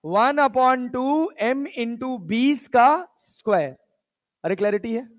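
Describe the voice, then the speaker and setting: A man's voice: extremely high pitch, animated, slow pace. A male physics teacher lecturing a class, coaxing and teasing his students and scolding them casually.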